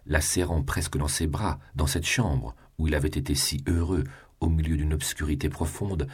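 A man narrating a classic novel as an audiobook reading, in a measured, even delivery. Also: a bass voice, breathy edge.

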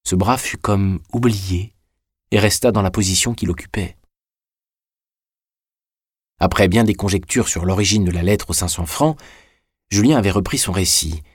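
A man narrating a classic novel in a measured, even reading. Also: low-pitched, slightly rough, no echo, clean studio sound. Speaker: audiobook reader. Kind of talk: scripted audiobook narration.

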